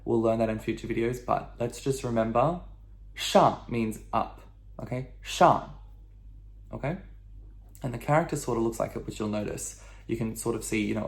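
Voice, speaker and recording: A man's voice: on the low side, creaky, darkish tone. A man teaching a video language lesson, who repeats each word patiently and checks in with "okay?" after nearly every phrase.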